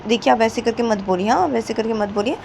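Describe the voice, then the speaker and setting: A woman voicing a protective mother who pleads and tries to calm others, repeating her requests. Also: on the high side, quick pace, creaky, slight background noise, voice pushed up. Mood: pleading.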